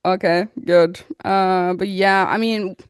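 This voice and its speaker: Giggling often, a woman in her thirties reads listener comments aloud and chats easily as a podcast co-host. She speaks slowly on the low side with fairly even intonation, her tone clear and resonant, with no echo.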